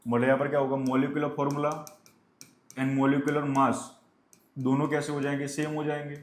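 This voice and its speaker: A male chemistry teacher lecturing a class, who asks questions and answers them himself and dictates definitions slowly. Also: medium pitch, completely flat delivery, echoey room.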